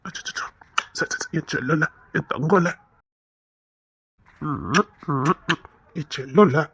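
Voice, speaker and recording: A man playing a calm, loving elder brother. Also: on the high side, a little slow, slightly rough, no room sound, heavily acted. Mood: soothing. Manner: soothing, affectionate, firm. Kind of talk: audio drama acting.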